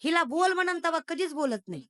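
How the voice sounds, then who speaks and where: A young woman with a very high, expressive voice speaks a little fast during a comic devotional sermon. As a kirtan preacher on the gathering's stage, she teases people, fires off quiz questions and sprinkles in English phrases.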